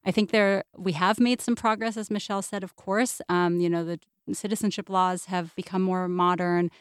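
A woman's voice: fairly low pitch, fairly even intonation, moderate pace, clear, resonant tone, no room sound, clean studio sound. A woman, a radio guest speaking in a thoughtful, conversational way. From United States. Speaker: guest, series producer. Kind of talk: radio interview discussion.

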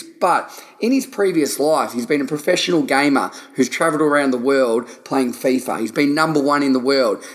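A man hosting a podcast, introducing a guest and asking questions in an upbeat, enthusiastic way. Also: mid-range voice. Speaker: podcast host.

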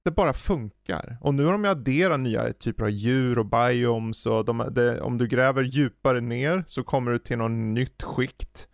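A man co-hosting a podcast, chatting casually and telling lively anecdotes about playing games with his kids. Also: medium pitch, vocal fry, hardly any pauses, no room sound, studio quality. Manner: lively storyteller, acts out anecdotes. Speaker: podcast co-host; parent. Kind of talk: casual chat.

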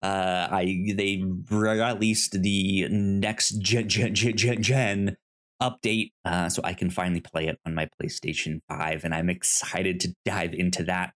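This podcast host has a deep, slightly bright voice with little pitch movement, and he takes his time. He talks casually about films and show news, frequently stumbling and repeating syllables as he goes.

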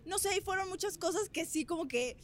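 A young woman with a Mexican accent speaks in a high voice as a podcast guest. She talks frankly and casually, full of slang, often checking that her listeners follow. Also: lively intonation, a little fast. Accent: Mexican Spanish. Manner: candid, slangy, tags lines with "¿sabes?". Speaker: podcast guest, former reality show contestant. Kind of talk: casual storytelling.

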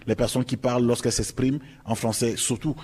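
A man's voice: medium pitch, level tone, fast talker, a little mellow, husky. A man moderating a panel, putting long questions with restarts.

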